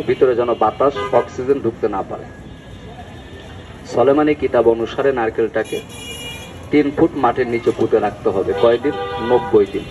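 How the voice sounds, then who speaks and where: An older man giving a folksy street sales pitch as a herbal oil vendor, often addressing listeners familiarly. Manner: folksy, repeatedly addresses listeners as uncle and brother. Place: outdoors on a busy street. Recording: noisy outdoor street with traffic.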